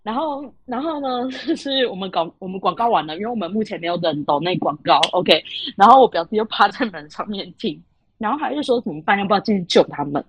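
A woman's voice: mid-range voice, lively intonation, quick pace. A young woman with a Taiwanese Mandarin accent telling a story in casual podcast chat, laughing often and acting out the voices of the people she quotes. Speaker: podcast co-host.

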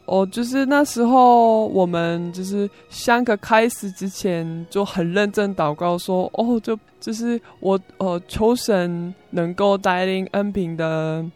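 A young Korean woman shares a personal story in conversation, speaking Mandarin as a foreigner with a Korean accent. Her phrasing is simple and halting, with words often repeated, and her pitch sits at an average height. Music plays behind her. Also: a little mellow. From South Korea. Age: young adult. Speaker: interview guest, student.

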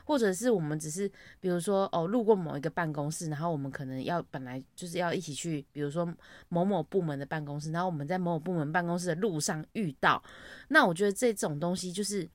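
Lively young woman telling stories. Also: on the low side, fast, dry recording. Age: young adult. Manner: animated storytelling, acts out her own greetings. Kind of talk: casual chat.

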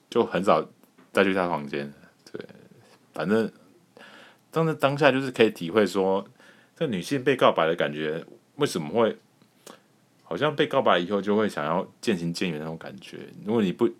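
A man's voice: deep voice, very animated, fairly quick, long pauses. A male podcast host with a Taiwanese Mandarin accent, chatting casually and crudely, laughing often and stumbling into restarts.

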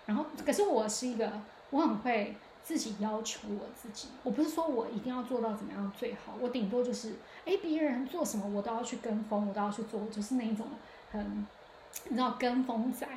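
A woman's voice: a little high, brisk, a little mellow, a little hiss or hum. A woman hosting a solo podcast, talking in a chatty, reflective way with lots of hesitations and restarts. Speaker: podcast host. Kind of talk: casual solo podcast monologue. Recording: echoey room.

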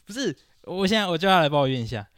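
A man's voice: on the high side, sing-song, fast talker, fairly bright tone, clean tone, dry recording, studio quality. A young man, co-hosting a podcast, complaining animatedly and acting out quotes. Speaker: podcast co-host. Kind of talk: casual chat about basketball.

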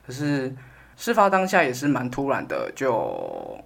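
A woman with a Taiwanese Mandarin accent, co-hosting a casual chat and telling a story with lively impressions. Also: a little slow, gravelly, breathy edge. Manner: animated storyteller, acts out her mother in a high voice. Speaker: podcast co-host.

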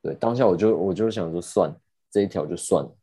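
A young man, telling a story in casual podcast chat, animated and indignant, with casual swearing. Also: deep voice, quick pace, slightly rough, no echo. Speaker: podcast host.

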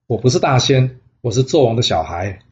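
A man's voice: mid-range voice, expressive, a little fast, darkish tone, natural voice. An earnest, naive young prince, as a male storyteller puts him on, speaks plainly and sincerely in a storybook tale. His voice sits in the middle range. The recording is dull and lo-fi. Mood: proud.

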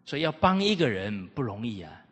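A man lecturing on the classics, telling historical anecdotes in an animated way and putting rhetorical questions to his listeners. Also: mid-range voice, brisk, slightly rough. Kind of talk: storytelling lecture. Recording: reverberant hall.

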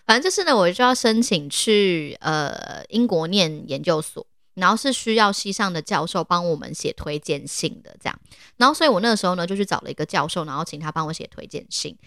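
Animated Taiwanese woman telling stories. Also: fairly low pitch, a little fast, no room sound, studio quality. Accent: Taiwanese Mandarin. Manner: animated storyteller, laughs often. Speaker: podcast co-host. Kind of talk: casual podcast chat.

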